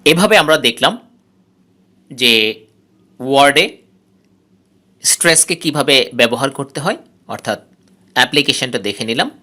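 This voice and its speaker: Bright-voiced Bangladeshi man teaching phonetics. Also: medium pitch, expressive. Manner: slow, explanatory, repeats example words with strong stress. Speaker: English teacher. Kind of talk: phonetics lesson.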